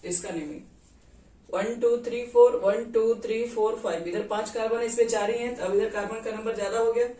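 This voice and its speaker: A chemistry teacher walks through a lecture, quizzing the class and counting carbon atoms aloud. The voice sits at a middle pitch. It is picked up from a distance in an echoey room, with a faint hiss behind it. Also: fairly even intonation, a little fast, warm tone.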